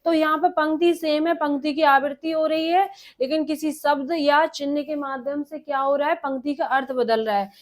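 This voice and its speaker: A woman's voice: high-pitched, steady tone. A woman teaching an exam-prep grammar lesson, dictating and repeating phrases so students can write them down, and answering her own questions. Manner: dictating slowly, repeating phrases for note-taking.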